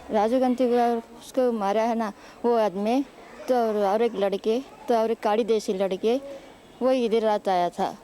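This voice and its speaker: Rapid-talking woman eyewitness, mellow voice. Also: on the high side, fairly even intonation, soft background music. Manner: rapid, plain answers. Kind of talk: street interview testimony.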